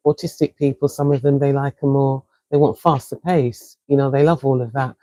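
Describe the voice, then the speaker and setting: A woman from England with a South London accent talks slowly and soothingly as a wellness coach, guiding viewers through a breathing exercise on a live stream. Her voice is mellow and soft-edged, recorded dry and close on a phone or webcam with no room sound. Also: rumbling low, level tone, no room sound, poor audio. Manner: slow, soothing and encouraging.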